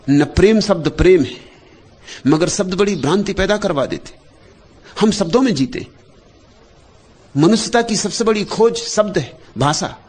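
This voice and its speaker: This teacher gives a meditative spiritual discourse in short, measured phrases punctuated by refrains. His high voice is a little mellow and husky.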